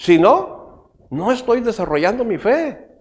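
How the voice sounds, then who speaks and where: A middle-aged man preaching a sermon as pastor, animated and asking the congregation frequent rhetorical questions. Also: high voice, unhurried.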